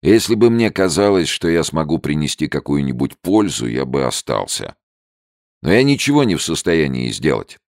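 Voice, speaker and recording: A man voicing a stubborn young male soldier who speaks sharply and excitedly, his voice cracking at times. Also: very deep voice, moderate pace, no echo, clean studio sound, voice pushed up, exaggerated voice. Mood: bitter. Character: tense bitter young male deserter, stubborn.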